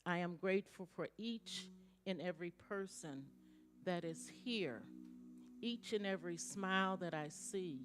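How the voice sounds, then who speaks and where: A woman leading a slow, calm gratitude prayer in a church, repeating her thanks line by line. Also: fairly low pitch, soft background music. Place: church sanctuary.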